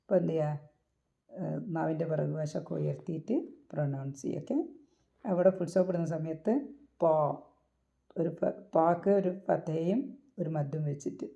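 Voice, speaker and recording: Patient female teacher, mellow low voice, muffled lo-fi sound, explains rules and answers her own questions. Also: steady tone, gravelly. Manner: slows down to chant example words. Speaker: Quran recitation teacher. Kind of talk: explaining recitation rules step by step.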